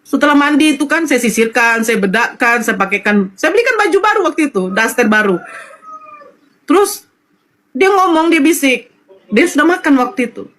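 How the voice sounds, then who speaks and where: High-voiced woman telling a personal story. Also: animated, normal speed, a bit bright. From North Sumatra, Indonesia. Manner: storytelling, acting out quoted dialogue, repetitive phrasing. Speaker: interview guest. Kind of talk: emotional personal testimony.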